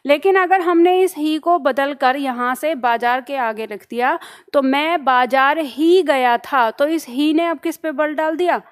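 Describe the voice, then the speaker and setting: High-voiced woman teaching grammar. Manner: patient, asks the class questions and answers them herself; reads example sentences slowly and deliberately. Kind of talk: grammar lesson explaining rules with examples.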